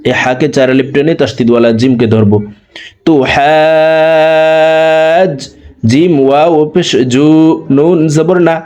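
This Quran reading teacher speaks in a mid-range, dark voice with a Bangladeshi Bengali accent. Letter by letter and vowel sign by vowel sign, he spells things out before chanting the combined words. His brisk, plain explanations alternate with stretched-out chanting in this slow recitation lesson.

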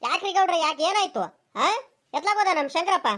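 Woman doing a fussy old village guy, very high and fast. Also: lively intonation, bright, forceful tone, full character voice. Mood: concerned. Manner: concerned, calling out.

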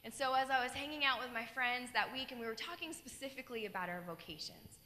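A young woman from Colorado delivers a keynote testimony on a large, dark auditorium stage, earnestly telling her personal story into a handheld mic with animated gestures. Her voice sits high and moves fast, with slight background noise and a long hall reverb.

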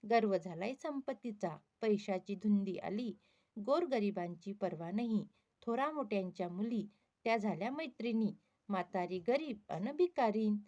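A woman's voice: medium pitch, mellow, muffled recording, close to an everyday voice. A woman voicing an angry, poor old beggar woman who speaks bitterly in a storybook tale. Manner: bitter, scolding.

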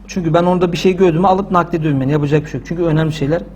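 Shouting high-voiced male preacher. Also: fairly even intonation, very fast, a little hiss or hum. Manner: loud, forceful, shouting preaching. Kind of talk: sermon.

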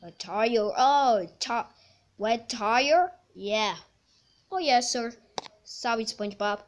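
A woman rambling through an improvised toy play narration, bursting into loud excited shouts. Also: fairly high pitch, takes it slowly. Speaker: toy video maker.

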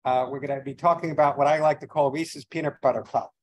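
With a fairly high voice, fairly even intonation and a quick pace, a financial advisor kicks off a seminar with casual opening remarks for a live audience at an event venue. He rambles slightly, is self-deprecating, and uses lots of fillers, all caught on a rough recording.

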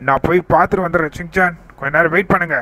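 A man narrating a role-play game story, reassuring the other characters and explaining what he sees. His voice sits slightly high with a playful lift. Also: racing, sharp tone, dry recording, poor audio.

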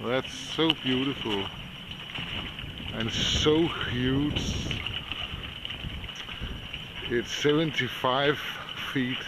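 A man's voice: mid-range voice, extremely slow, long pauses. A man, filming a casual sailing vlog at a boatyard and harbor, speaking simple enthusiastic English. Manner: plain, simple phrasing, enthusiastic about boats. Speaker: sailing vlogger. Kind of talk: casual handheld vlog narration. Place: outdoors at a boatyard and harbor, also a wooden cabin. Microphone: handheld camera mic. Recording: loud wind noise on camera mic. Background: loud wind and water.

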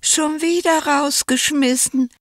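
A woman voicing a timid, whining small puppet in a read-aloud fairy tale, in a high voice. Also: steady tone, slow, no room sound, clean studio sound. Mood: whiny. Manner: whiny, hesitant.

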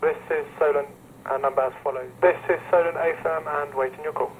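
A man's voice: on the high side, steady tone, fairly quick, narrow, tinny audio, a little hiss or hum. A man working as a coast guard radio operator, heard over a marine VHF radio and using formal radio procedure.

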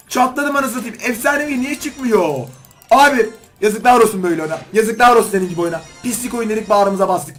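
A man doing excited gaming commentary as a YouTuber, pleading with and scolding the game while opening loot boxes. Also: very high-pitched.

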